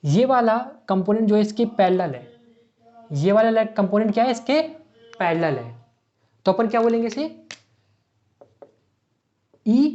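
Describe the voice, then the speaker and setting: A man's voice: sits high, dark tone. A man teaching a physics lecture, working steps on a board while asking and answering his own questions and mixing in English math terms. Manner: asks rhetorical questions and answers them step by step. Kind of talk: exam-prep lecture worked on a board. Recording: dull lo-fi sound.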